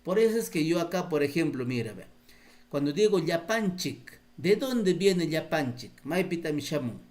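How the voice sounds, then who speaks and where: A man's voice: on the high side, sing-song, moderate pace, darkish tone. A man with a Peruvian Spanish accent teaching Quechua grammar to teachers in a live class, patiently explaining and quizzing the group.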